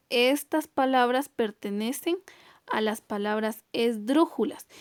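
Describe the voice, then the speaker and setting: A woman teacher giving a recorded online class, explaining carefully and stretching example words out slowly to show where the stress falls. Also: fairly high pitch, a little mellow, no echo, studio quality.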